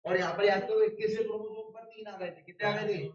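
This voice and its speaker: In an echoing room with a crowd in the background, a biology teacher lectures casually and fast, his high voice fairly even in intonation. He poses questions to the class and answers them with everyday examples, and the distant recording sounds dull.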